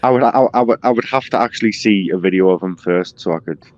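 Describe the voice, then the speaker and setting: A man's voice: on the low side, fast, muffled recording. A man bantering on a casual podcast, laughing often and teasing the others. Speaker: podcast cast member. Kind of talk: casual chat.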